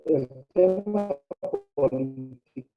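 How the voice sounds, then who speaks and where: A man's voice: medium pitch, takes it slowly. A man lecturing on accounting over a choppy, crackly microphone line, hesitant and full of fillers and tag questions. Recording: dull lo-fi sound, faint music behind.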